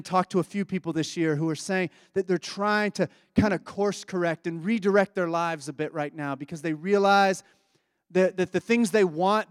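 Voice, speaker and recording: High-voiced man preaching conversationally. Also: clean tone, no room sound, studio quality. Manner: conversational, reflective preaching with acted quotes. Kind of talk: sermon.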